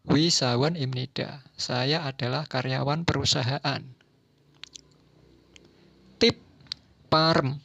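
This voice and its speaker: A man slowly reading a textbook language lesson, saying each word and then its translation. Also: mid-range voice, fairly even intonation, creaky, a bit bright, no echo. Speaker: language teacher.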